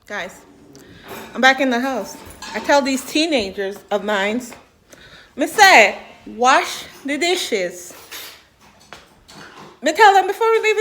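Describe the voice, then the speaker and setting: A mom vlogger with a Jamaican accent chats with her viewers in a casual vlog, telling stories in a sassy, teasing, animated way. Her voice sits high, with a little hiss or hum in the audio.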